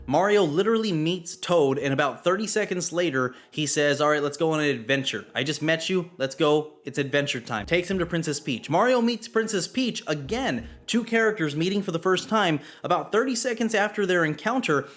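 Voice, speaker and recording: A man's voice: a little high, a bit bright. A man giving a spoken movie review, blunt and opinionated in his criticism. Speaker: film reviewer.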